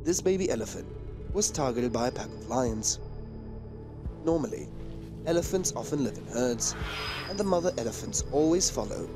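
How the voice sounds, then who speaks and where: A man's voice: mid-range voice, expressive, moderate pace, long pauses, over music. A man reading scripted narration for a wildlife documentary.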